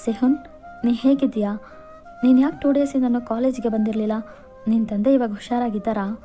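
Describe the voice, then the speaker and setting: An emotional young woman, as a narrator reads her aloud in a fan fiction story. She pleads and protests in a raised, mellow voice. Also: a little high, steady tone, fairly quick, soft background music, lightly acted. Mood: pleading. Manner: pleading, agitated.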